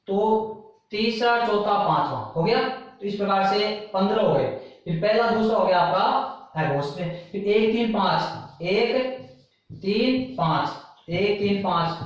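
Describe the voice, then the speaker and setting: Male tutor, high voice, recorded far off the mic: drills terms by repetition. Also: very echoey. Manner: repeats terms and counts items aloud. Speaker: teacher. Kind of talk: exam-prep grammar lesson.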